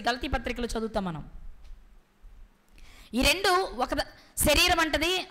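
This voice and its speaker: A woman preaching a sermon with a Telugu accent, asking rhetorical questions and pausing for effect. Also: sits high, sharp tone. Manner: rhetorical questions, dramatic pauses.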